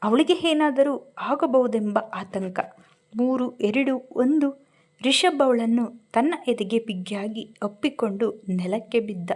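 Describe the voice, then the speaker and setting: A woman's voice: on the high side, a little mellow. A woman narrating a romantic drama story from a script, reading expressively.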